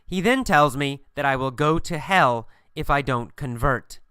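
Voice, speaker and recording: Male teacher, story lesson, deliberate repetition; bright, dry close sound. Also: medium pitch, animated, clear, resonant tone, no room sound. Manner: slow, repeats phrases for learners. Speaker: English teacher.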